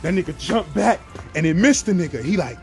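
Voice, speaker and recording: New York man, raised-pitch voice, loose and profane storyteller, music bed underneath. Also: a little fast. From Brownsville, Brooklyn, New York. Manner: profane, animated, keeps asking "you feel me". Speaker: guest telling prison stories. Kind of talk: casual storytelling.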